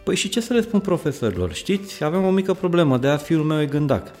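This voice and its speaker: A man's voice: on the high side, big pitch swings, creaky, darkish tone, pitched above the performer's own voice. A fretful, worried father who frets and sighs about what to tell people, voiced by a man. Read as a storybook with faint music behind.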